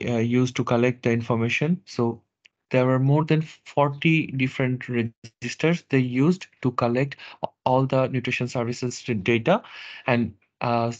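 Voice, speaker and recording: Man presenting in a halting webinar. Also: medium pitch. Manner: measured, with frequent hesitations and fillers. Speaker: nutrition officer presenting a webinar. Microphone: video call microphone. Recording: slightly dull video call audio.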